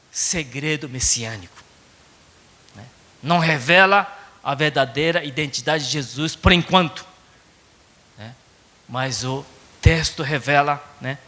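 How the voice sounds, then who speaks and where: A man's voice: on the high side, pushed and bright, in a large hall. A man from Japan with a Japanese accent preaching a sermon in a conversational way, often adding little tag questions. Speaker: pastor. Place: church sanctuary.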